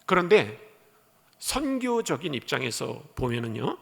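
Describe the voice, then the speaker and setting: A male missionary preacher giving an animated sermon in a church, reading scripture and asking the congregation questions. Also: on the high side, measured pace, gravelly. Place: church sanctuary. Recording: echoey church hall.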